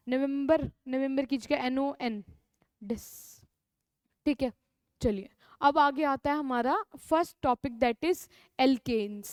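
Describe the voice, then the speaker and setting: Young female tutor, North Indian accent, coaxing, repeats terms, smooth resonant voice. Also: sits high, darkish tone, dry recording. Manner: repeats key terms, asks and answers own questions; calls students "beta", coaxing. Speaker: chemistry teacher. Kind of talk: classroom lecture.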